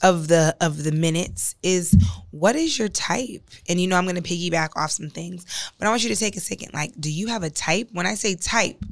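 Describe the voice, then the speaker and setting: Raspy, gravelly woman hosting a chat. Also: fairly low pitch, fairly quick, hardly any pauses, dry recording. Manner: loose, joking, swearing freely. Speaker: podcast host. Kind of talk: casual chat with friends.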